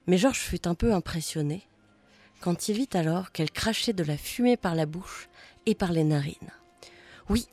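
A woman's voice: fairly low pitch, darkish tone. A woman narrating a storybook expressively, with dramatic emphasis.

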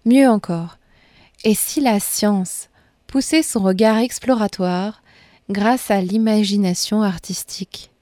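A woman host giving measured, scripted narration. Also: medium pitch, dark tone, dry recording. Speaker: radio host.

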